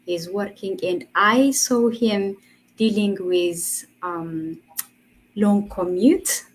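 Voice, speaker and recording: A woman's voice: mid-range voice, extremely slow, a little hiss or hum, low-quality recording. A woman, a guest telling her story earnestly over a video call in a casual interview. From Ethiopia. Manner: earnest, laughs between phrases. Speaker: guest, online entrepreneur.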